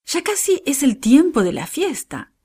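A cheerful husband in a children's story, read by a woman, upbeat and teasing. The voice moves freely in pitch. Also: expressive, normal speed, darkish tone, natural voice. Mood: eager.

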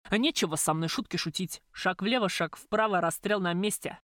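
A woman voicing a cruel, coarse male crime boss who speaks in gruff threats. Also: mid-range voice, moderate pace, fairly bright tone, dry recording, studio quality, close to an everyday voice. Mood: menacing.

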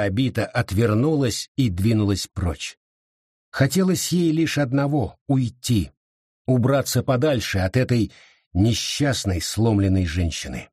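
Brief: male narrator, husky, lively pitch, dramatic reading, dry studio. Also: dry recording. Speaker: audiobook narrator. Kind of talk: scripted narration.

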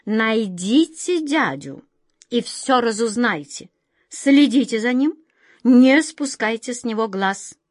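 A woman's voice: mid-range voice, expressive, measured pace, no echo, clean studio sound. A woman voicing a haughty, imperious female mouse queen in a storybook reading. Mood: commanding. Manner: commanding, condescending.

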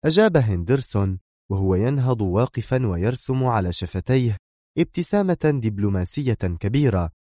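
Brief: low, dark-toned male audiobook narrator, measured pace, dry booth. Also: dry recording. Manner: steady, measured.

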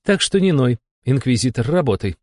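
A man voicing a weary, sarcastic female demon supervisor with a husky, irritated voice. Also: medium pitch, sing-song, moderate pace, darkish tone, dry recording, clean studio sound, voice pushed up, natural voice. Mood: irritated mocking. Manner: irritated, mocking, drawling. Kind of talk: audiobook character voice.

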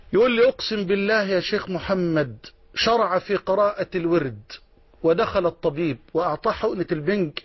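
A man with an Egyptian Arabic accent preaching a sermon, with emotional, drawn-out emphasis and repeated exclamations. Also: sits high, dry recording. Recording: muffled dry lo-fi recording.

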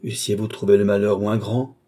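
A man voicing a commanding, mysterious count in an audiobook, giving firm, measured orders. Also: lowish voice, level tone, mellow, close to an everyday voice. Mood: imperious.

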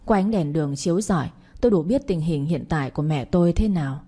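A young woman narrating a first-person story in an audiobook with calm, earnest storytelling. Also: sits low, fast, breathy edge. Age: young adult.

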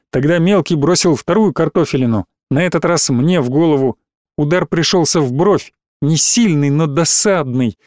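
Man calmly narrating an audiobook. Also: a little high, no echo, clean studio sound.

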